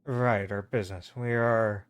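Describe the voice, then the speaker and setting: A man voicing a polite, eager female bard in a game, with a bright, courteous manner. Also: lowish voice, steady tone, a little slow, smooth, pitched below the performer's own voice, natural voice.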